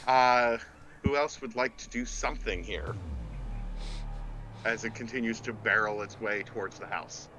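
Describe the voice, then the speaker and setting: A man narrating as game master in a relaxed, filler-filled way. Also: on the low side, a little slow, pauses often, music in the background. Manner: relaxed, uses many fillers.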